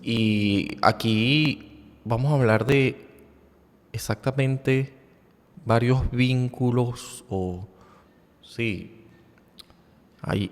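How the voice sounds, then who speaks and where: A man hosting a podcast, giving a loose educational talk with frequent hesitations, fillers and repeated words. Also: mid-range voice. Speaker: podcast host. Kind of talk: unscripted educational monologue. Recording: long hall reverb.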